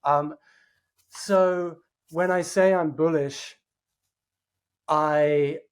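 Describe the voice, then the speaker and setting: A man with a voice on the high side, fairly even in intonation, speaks extremely slowly and smoothly as a guest on a podcast. He is an innovation executive explaining his views earnestly and thoughtfully in a casual interview chat, with frequent fillers and restarts.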